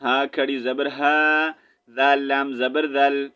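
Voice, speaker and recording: Man, pakistani urdu accent, quran teacher, flat even delivery, smooth clear voice, slightly dull recording. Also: mid-range voice. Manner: spells syllables slowly, then recites in a drawn-out melodic chant. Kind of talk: spelling out and reciting a Quran lesson.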